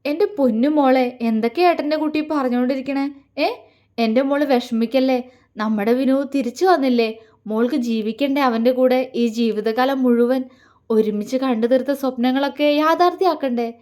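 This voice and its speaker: A woman narrator voicing a caring, protective older-brother figure who speaks tenderly and coaxingly, in her own fairly high voice. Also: normal speed, lightly acted. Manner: tender, coaxing, gentle questioning.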